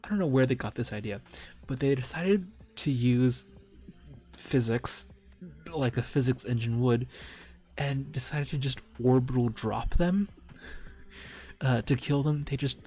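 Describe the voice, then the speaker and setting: A man with a gravelly, fry-edged voice chats loosely on a stream about tabletop gaming, rambling and giggling at his own jokes. Soft music plays faintly behind him. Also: medium pitch, unhurried, pauses often. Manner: rambling, giggly, self-mocking. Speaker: streamer and dungeon master. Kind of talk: casual stream chat reviewing memes. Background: faint background music.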